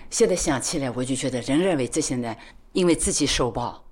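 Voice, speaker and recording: A woman lawyer recalling her cases in an interview, talking deliberately with many filler particles. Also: very deep voice, expressive, darkish tone, slightly rough. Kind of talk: interview recollection.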